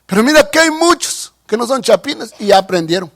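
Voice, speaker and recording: A man delivers a sermon in a high, lively voice. He preaches with passion, pushing his emphatic lines loud and letting asides fall to near quiet. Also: brisk. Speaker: pastor.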